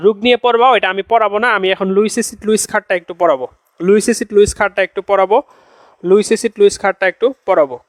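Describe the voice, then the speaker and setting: A man's voice: high voice, very fast, no echo. A young man teaching a chemistry class to exam students, repeating each phrase two or three times and often checking in with them. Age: young adult. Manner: coaxing, checks in with "okay?" and "see". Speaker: admission-test tutor.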